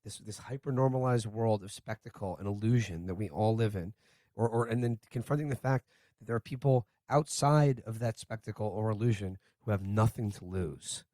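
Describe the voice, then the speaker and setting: A man's voice: lowish voice, moderate pace, mellow, dry recording. A man hosting a podcast, speaking earnestly and building up to his point. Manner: earnest, building rhetorical speech. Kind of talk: casual podcast chat.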